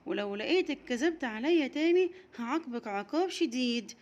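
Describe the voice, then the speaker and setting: A woman's voice: high-pitched, expressive, a little fast, a little mellow. A woman voicing a tired, stern mother scolding her small daughter, with an Egyptian accent. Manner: scolding, firm warnings.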